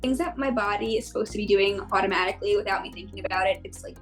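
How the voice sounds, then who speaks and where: A woman's voice: mid-range voice, very fast, soft background music, low-quality recording. A woman in her late twenties answering interview questions in an easygoing way, with fillers. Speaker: interviewee with dysautonomia.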